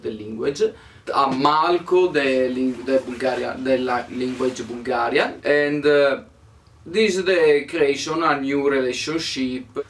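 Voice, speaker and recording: A man's voice: mid-range voice, takes it slowly, distant mic. A young man speaking broken, searching English as a second language, as a volunteer interviewed indoors by a fireplace. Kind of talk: halting interview answers. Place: living room by a fireplace.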